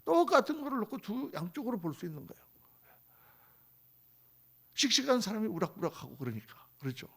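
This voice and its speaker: A pastor preaches in a voice set a little high for a man, with a gravelly fry running through it. He moves between loud, emphatic lines and soft, hushed ones, and he acts out the people he quotes as if in everyday conversation. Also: big pitch swings, a little fast, pauses often. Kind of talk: sermon. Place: church sanctuary.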